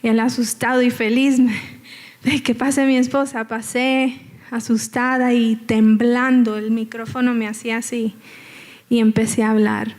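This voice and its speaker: A woman's voice: a little high, little pitch movement, unhurried, a little mellow. A woman telling her personal story as a church testimony, in a conversational way that repeats phrases and checks in with the audience. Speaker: guest speaker giving testimony.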